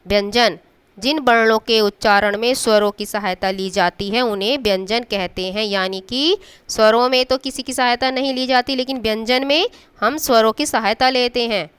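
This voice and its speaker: Woman teacher, a bit high and very clear voice, patient, stretches sounds slowly and keeps checking in with the class. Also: a bit bright. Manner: patient, draws out sounds to demonstrate them. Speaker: school teacher. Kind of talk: classroom Hindi grammar lesson.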